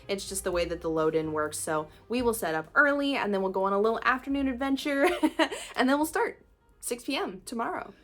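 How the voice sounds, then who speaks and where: A woman's voice: fairly high pitch, lively intonation, fairly quick, soft background music. A young woman, a self-employed illustrator, chatting casually in a vlog and laughing often as she thinks aloud. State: groggy morning voice. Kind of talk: casual vlog talk to camera.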